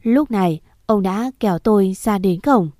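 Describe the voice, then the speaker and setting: A woman tells a scripted ghost story in the first person, in a sad, measured way. Her voice sits at a middling pitch and sounds dry and close, as if recorded right at the mic with no room around it. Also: warm tone, no echo.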